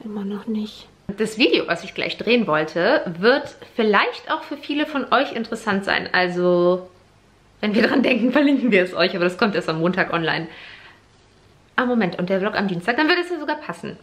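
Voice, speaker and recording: A woman's voice: medium pitch, expressive, a little fast, a bit bright. Young woman with a slight slushy lisp. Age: 20s. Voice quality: slight lisp on s sounds from braces. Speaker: vlogger. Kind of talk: casual vlog chat. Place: rooms at home, indoors. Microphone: handheld vlog camera at arm's length.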